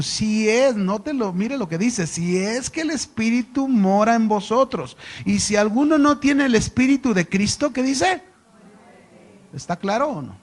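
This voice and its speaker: A man teaching a Bible class, chatty and animated. He keeps quizzing his listeners with rhetorical questions and joking with them. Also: high-pitched. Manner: animated storyteller, jokes with listeners. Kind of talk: conversational Bible lesson to a class. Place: church classroom with a live audience.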